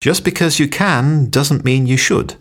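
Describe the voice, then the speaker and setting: A man reads short everyday phrases one at a time for learners, acting out the intonation of each stand-alone sentence. His voice sits at a medium pitch with a fairly bright tone, and he keeps a measured pace.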